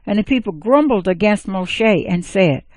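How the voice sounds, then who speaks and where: A woman reading scripture aloud, measured and even, with careful pauses. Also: mid-range voice, dry recording. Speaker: scripture reader.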